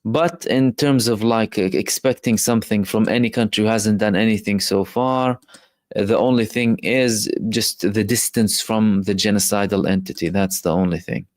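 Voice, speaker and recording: A man's voice: fairly low pitch, moderate pace, dry recording, studio quality. A man hosting a live stream, commenting emphatically and reading viewer messages with frequent fillers.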